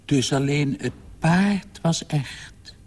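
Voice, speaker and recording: A man voicing a pale quiet little girl. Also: fairly high pitch, slow, breathy edge, in a large hall, voice pushed up. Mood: anxious. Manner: timid, earnest questions.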